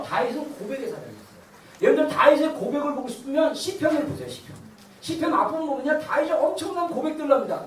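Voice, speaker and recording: Woman pastor in her thirties, high voice, animated preaching, heard from afar in a church hall. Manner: lively preaching, shouting out cries to God. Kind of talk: sermon. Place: church sanctuary. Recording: roomy church hall from far off.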